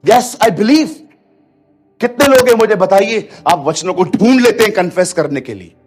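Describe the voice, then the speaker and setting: Man, fiery exhorting sermon, high voice, faint music behind. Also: expressive, a little fast. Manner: fiery, exhorting, mixes English into Hindi. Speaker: pastor.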